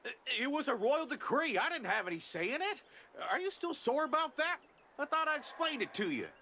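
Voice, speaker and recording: An actor voicing a sheepish, henpecked young husband in a game, with folksy rustic exclamations. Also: male voice, extremely high pitch, big pitch swings, brisk, sharp tone, exaggerated voice. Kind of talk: game cutscene voice acting.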